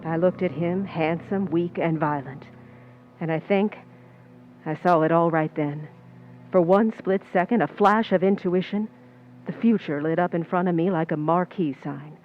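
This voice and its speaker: An actress with a natural, fairly low voice at normal speed performs first-person narration as a scheming, ambitious, cool young Hollywood stand-in in a community playhouse radio suspense play. Her delivery is knowing and hard-boiled, the highs are cut off, and faint music plays behind her.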